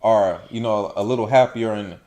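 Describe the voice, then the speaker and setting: A man in his late twenties co-hosting a vlog, giving relaxed, casual advice and acting out quoted remarks. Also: fairly low pitch, moderate pace. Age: 20s. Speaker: vlog co-host.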